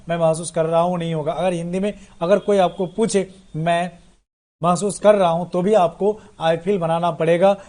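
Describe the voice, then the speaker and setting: A man's voice: a little high, mellow. A male teacher with a Bihari accent giving an exam-prep grammar lesson, explaining through repeated rhetorical questions.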